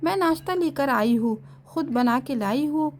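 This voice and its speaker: A woman puts on a cheerful young female student who is friendly and coaxing. The voice is high and light, and it is read as part of a storybook. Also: expressive, moderate pace, darkish tone, slight background noise.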